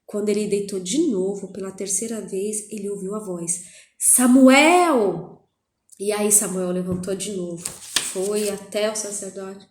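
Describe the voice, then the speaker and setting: A woman's voice: mid-range voice, normal speed, hardly any pauses. Brazilian woman telling a Bible story to kids. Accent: Brazilian Portuguese. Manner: animated, coaxing, addresses children. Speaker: Sunday school teacher. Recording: echoey room.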